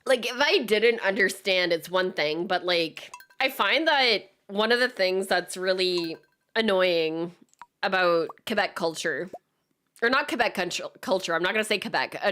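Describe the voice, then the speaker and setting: Bright-voiced Acadian woman streamer chatting casually. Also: lowish voice. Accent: Acadian Canadian. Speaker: live streamer. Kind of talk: casual chat to stream viewers.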